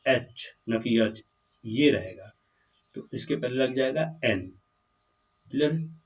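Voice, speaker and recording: A man's voice: mid-range voice, a little mellow. Hindi-speaking man teaching grammar, distant. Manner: keeps asking the class questions, calls students "बालक". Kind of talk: grammar lesson explained in Hindi. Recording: dull distant classroom recording.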